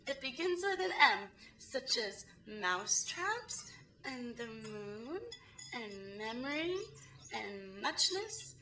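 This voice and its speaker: Woman playing a squeaky-high, sleepy little Dormouse. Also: big pitch swings, takes it slowly, bright, forceful tone, soft background music, exaggerated voice. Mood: dreamy, rambling. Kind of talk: amateur student audio drama.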